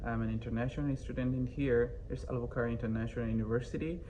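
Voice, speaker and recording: A young man from Bangladesh, not a native English speaker, answers interview questions hesitantly, full of fillers and restarts. His pitch sits in the ordinary middle range for a man. A faint hiss runs under the recording. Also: steady tone, fast talker. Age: young adult. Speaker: interview guest, university student.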